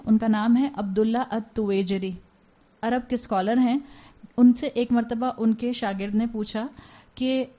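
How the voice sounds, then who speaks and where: A woman's voice: fairly high pitch, mellow. Earnest woman giving a religious lecture. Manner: earnest, exhorting, with rhetorical questions. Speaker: Islamic religious teacher. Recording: dull lo-fi recording.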